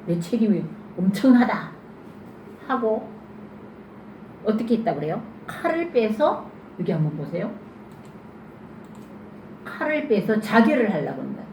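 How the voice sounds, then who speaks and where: 한 여성이 아이들에게 질문을 던지며 성경 이야기를 생생하게 들려주는 설교를 합니다. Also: female voice, mid-range voice, a little slow, gravelly, long pauses. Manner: lively questioning, acts out scenes. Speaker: children's sermon teacher. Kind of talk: interactive Bible sermon for children. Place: church. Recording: echoey church room, faint noise.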